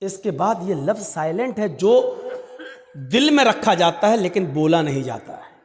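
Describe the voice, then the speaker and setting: High-voiced man preaching, explains quietly then booms out calls, lots of hall echo. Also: expressive, normal speed. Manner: swings from low teaching tone to loud chanted calls. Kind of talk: fiery Urdu sermon. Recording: echoey hall with long reverb.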